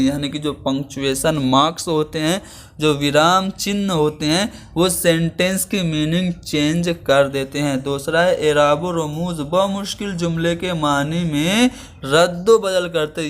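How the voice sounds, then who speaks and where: Man, teacher, slightly high voice, patient step-by-step explaining. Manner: explains each term again in simple words, slows down for example sentences. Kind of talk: exam-prep lesson.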